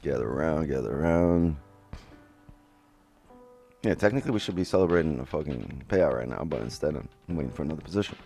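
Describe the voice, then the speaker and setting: This day trading streamer has an extremely low, slightly mellow voice with lively intonation, speaking fairly quickly but pausing often. He casually talks through trades with his live stream viewers, swearing now and then, on a headset mic over faint music.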